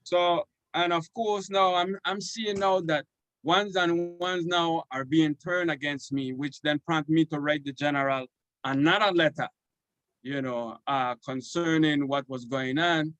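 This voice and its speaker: A man's voice: on the high side, fairly even intonation, unhurried, fairly bright tone, clear, resonant tone, dry recording, rough recording. A man, a guest speaking in devotional Rastafarian phrasing with respectful forms of address. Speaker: interview guest. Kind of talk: conversational storytelling and letter reading in Rastafarian speech.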